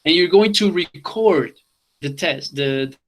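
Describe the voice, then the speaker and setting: A man's voice: on the high side, takes it slowly. A man from Colombia teaching an online English class, switching languages and repeating instructions.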